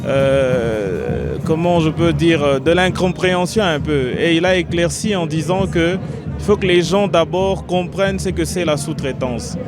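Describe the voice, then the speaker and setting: A man, an attendee speaking haltingly in an outdoor interview. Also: a little high, expressive, music in the background. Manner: halting, searching for words. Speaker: conference attendee.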